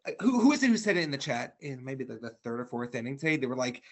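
A man's voice: medium pitch, big pitch swings, fast. A man co-hosting a casual sports fan talk show, ranting with frustration and stumbling over repeated words.

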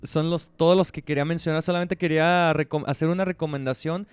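A man's voice: a little high, fairly even intonation, fast, clear, resonant tone. A man with a Mexican Spanish accent, co-hosting a podcast in casual, slangy chat and laughing often. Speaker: podcast co-host.

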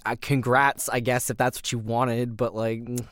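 A man's voice: mid-range voice, little pitch movement, moderate pace, a bit bright, no room sound. A man hosting a podcast, talking casually about voice acting and laughing often. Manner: chatty, laughs often, mimics casting calls. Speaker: podcast host. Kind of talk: casual chat.

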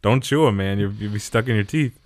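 A man's voice: lowish voice, fairly quick, a little mellow, dry recording. A young man co-hosting a podcast, bantering and joking in casual chat. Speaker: podcast co-host.

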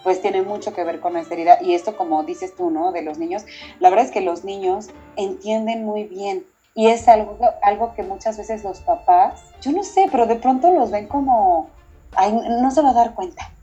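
Mexican woman in her 30s chatting about kids, mellow voice, acts out what everyone said, dull lo-fi sound with faint music under it. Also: medium pitch, normal speed. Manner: animated storyteller, acts out quoted dialogue. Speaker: mother discussing parenting. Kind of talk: casual conversational talk.

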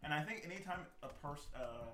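A man's voice: fairly high pitch, fairly quick, roomy sound. A man co-hosting a podcast, teasing and laughing in casual chat. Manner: teasing, lively, laughs a lot. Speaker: podcast co-host.

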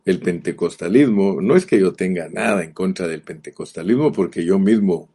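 Preaching in an earnest, emphatic way, this middle-aged man from Guatemala speaks with a Guatemalan Spanish accent in a very low, dark, mellow voice with a slightly rough quality. He frequently repeats important words, drawing them out slowly for emphasis.

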